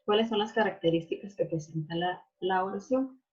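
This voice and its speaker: A woman's voice: medium pitch, fairly quick. A woman teacher giving a recorded class lecture, explaining patiently with frequent fillers and tag questions. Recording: dull lo-fi audio.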